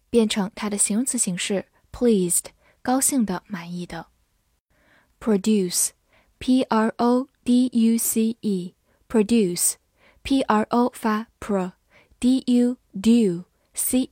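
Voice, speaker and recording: A young woman teaching English vocabulary, spelling out words letter by letter and reading example sentences slowly. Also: medium pitch, a little mellow, breathy edge, dry recording, clean studio sound. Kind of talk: vocabulary lesson.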